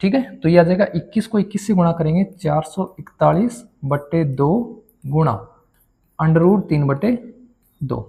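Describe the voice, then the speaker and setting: A man's voice: on the high side, a little slow, vocal fry, dark tone. A man teaching a maths lesson, who keeps asking his students questions and then answers them himself. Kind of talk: classroom-style maths lesson.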